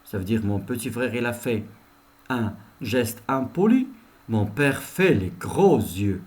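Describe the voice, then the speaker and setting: A man's voice: medium pitch, expressive, slow pace, a little mellow. A male teacher giving a recorded lesson, repeating each sentence and explaining it to his pupils, whom he addresses directly.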